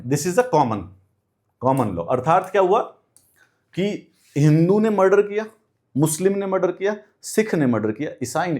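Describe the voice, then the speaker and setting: Here the exam-prep teacher's voice is high-pitched and a little mellow. He lectures emphatically in mixed Hindi and English, repeating key phrases and asking rhetorical questions despite a mouth ulcer.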